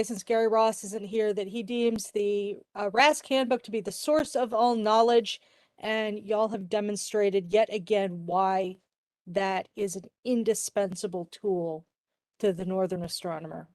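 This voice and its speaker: A woman's voice: mid-range voice, steady tone, measured pace, darkish tone, no echo. A woman hosting a virtual club meeting, friendly and chatty, talking over a video call. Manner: friendly, chatty, says y'all.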